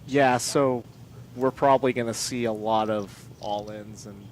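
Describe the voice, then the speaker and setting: Halting male poker commentator. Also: fairly low pitch, steady tone, a little mellow, a little hiss or hum. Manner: halting, with many fillers and restarts. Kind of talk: live poker broadcast commentary.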